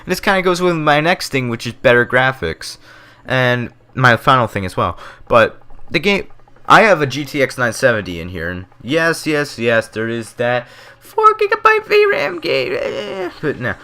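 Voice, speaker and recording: Bright-voiced man, lip numb from the dentist. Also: mid-range voice, expressive, normal speed, clear, resonant tone. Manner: rambling, informal, stumbling over words. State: lip numb from dentist's Novocaine, speech slightly off. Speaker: gaming video creator giving opinions. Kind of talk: casual unscripted commentary.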